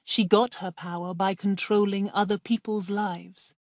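A woman reading the part of a grown son in a storybook, speaking quietly and in a subdued way. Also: medium pitch, steady tone, measured pace, no echo, studio quality.

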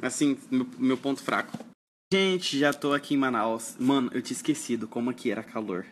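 A man's voice: mid-range voice, a little fast, slight background noise. A young man, a singer on tour, talking in a casual vlog to the camera in a playful, teasing, slangy way.

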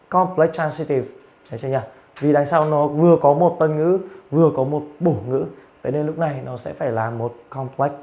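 A man teaching, giving an online grammar and pronunciation lecture and explaining patiently with frequent fillers. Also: on the high side. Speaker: English teacher.

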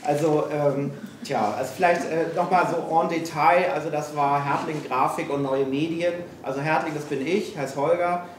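Picked up at a distance through the room PA, the audio is echoey with faint noise. A middle-aged man from Hamburg, Germany, addresses a live audience in a small event room at a failure-stories evening, candid and self-mocking, full of hesitations. He speaks at a moderate pace with few pauses, fairly even intonation, and a voice on the high side.

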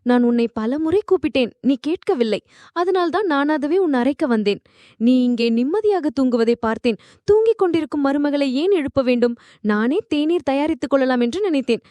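A woman's voice: high-pitched, animated, moderate pace, warm tone, no room sound, clean studio sound. A woman reading the lines of a lonely, widowed older man, her father-in-law in the story, in a pleading, self-pitying way. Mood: explaining.

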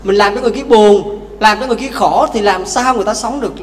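High-voiced monk preaching. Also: male voice, fast talker. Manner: lively, addresses audience directly. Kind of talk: dharma talk with storytelling. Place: temple hall. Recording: echoey temple hall, faint hum.

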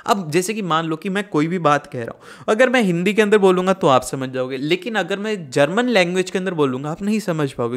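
A man teaching an exam prep lesson to students. He explains in Hindi mixed with English terms and reads answer passages aloud slowly. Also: on the high side. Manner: addresses students directly, asks for comments.

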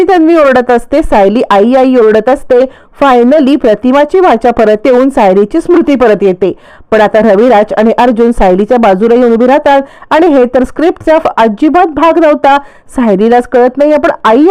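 Woman narrator, casual serial recap, lively storyteller, high and clean. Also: moderate pace, smooth.

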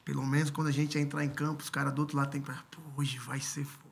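A man in his fifties from Brazil, a former footballer and coach, telling stories in a relaxed way as a podcast guest on a studio mic. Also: medium pitch, rapid-fire, gravelly, a little hiss or hum. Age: 50s. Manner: relaxed storytelling with many tag questions. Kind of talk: casual interview. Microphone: studio mic on stand.

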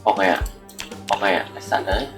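A young gaming channel host gives rambling, casual let's-play commentary into a computer microphone, swearing freely and addressing his viewers. His voice is a bit bright and a little fast, and the rough recording has faint music behind it.

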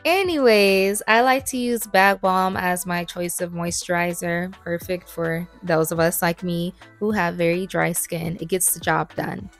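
A young woman with a slightly low voice talks through her routine in a get-ready-with-me voice-over. She is chatty and playful and jokes about herself, with faint music playing behind her. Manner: chatty, playful and self-joking. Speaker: beauty and fitness vlogger.

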